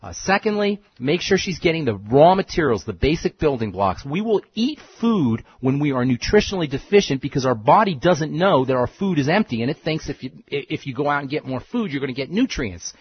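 A man's voice: on the high side, sing-song, a little fast, hardly any pauses, breathy edge, no room sound. A man hosting a call-in health radio show as a pharmacist, lecturing emphatically and repeating his key points. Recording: muffled, dry studio sound.

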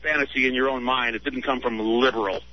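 A man's voice: mid-range voice, steady tone, fast talker, a little hiss or hum. Indignant male radio caller. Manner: heated, indignant. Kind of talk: call-in radio debate. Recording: dull lo-fi radio broadcast.

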